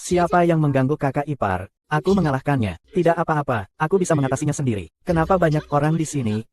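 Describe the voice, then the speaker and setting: A man narrating a film recap and reading every character's lines in one even voice. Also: on the high side, fast.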